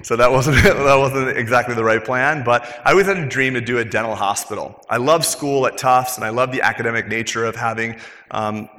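A man's voice: medium pitch, a little fast, sharp tone, in a large hall. A middle-aged male dentist telling his own story candidly to a group of peers, swearing casually as he goes. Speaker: dentist, practice owner. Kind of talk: personal story told to a group.

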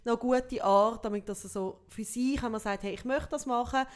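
A woman's voice: on the high side, a little fast. A woman with a Swiss German accent, co-hosting a podcast in a casual, thoughtful and teasing way. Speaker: podcast co-host. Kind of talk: casual chat.

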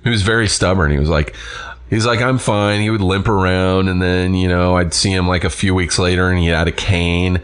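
Deep-voiced man, blunt and swearing. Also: steady tone, brisk, clear, resonant tone. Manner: blunt, swears freely, storytelling. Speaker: podcast host. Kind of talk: casual chat.

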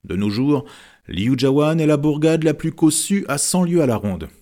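A man's voice: on the high side, animated, normal speed, dark tone, voice pushed up, lightly acted. A man voicing a cheerful, chatty male villager who talks enthusiastically and gossips. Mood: enthusiastic.

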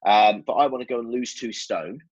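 A man's voice: mid-range voice, a little fast, breathy edge, highs cut off. A man with an Essex accent giving candid, explanatory answers as a guest in a conversational interview. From Essex, England. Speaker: podcast guest, business owner.

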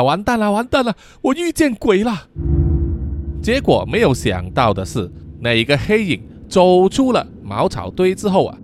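A man narrating a spooky folk tale, dramatic and drawn out, with long trailing particles at the ends of his sentences. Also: fairly high pitch. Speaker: storyteller. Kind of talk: spoken horror story narration.

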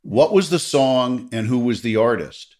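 A man's voice: mid-range voice, animated, a little slow, a little mellow. A middle-aged man interviewing a guest, asking long expansive questions with emphatic, repeated phrases. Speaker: interviewer host.

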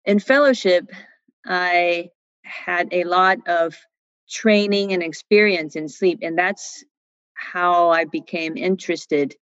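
A middle-aged woman from Taiwan talks as a sleep physician guest on a podcast. Her voice sits low and she thinks aloud, with plenty of fillers and restarts. The sound is dull and dry, with no room around it. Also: fairly even intonation, takes it slowly, fairly bright tone, clear, resonant tone, dry recording. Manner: thoughtful, with frequent fillers and restarts. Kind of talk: podcast interview.

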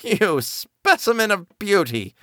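A man voicing a vain, envious wicked queen with a shrill, drawn-out delivery. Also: very animated, a bit bright, no room sound, clean studio sound, heavily acted. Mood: gloating.

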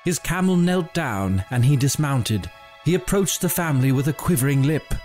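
A man narrating a scripted story in a measured, dramatic storytelling manner. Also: fairly high pitch, animated, a little mellow. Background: faint music.

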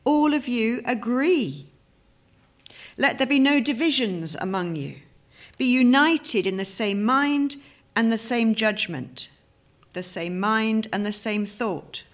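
A woman's voice: fairly high pitch, slow. A woman giving an earnest, emphatic sermon that explains a Bible passage. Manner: earnest, emphatic expository preaching. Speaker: preacher.

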